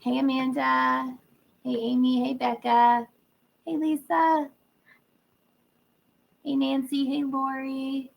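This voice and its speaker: A woman hosting a live literacy teaching webinar indoors welcomes attendees by name in an upbeat, casual way, though a sore throat and cold are taking her voice. It sits high, gravelly and husky, with flat delivery, a slow pace and long pauses, on poor audio.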